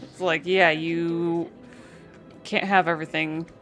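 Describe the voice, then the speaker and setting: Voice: medium pitch, level tone, slow pace, a bit bright, faint music behind. A streamer chatting casually and sarcastically over gameplay.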